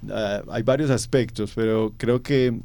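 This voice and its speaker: A young Colombian man with a paisa accent gives thoughtful, reflective answers as an interview guest, his speech full of fillers and repeated words. His voice sits lowish and sounds dark and smooth, moving at a measured pace. The recording is dry.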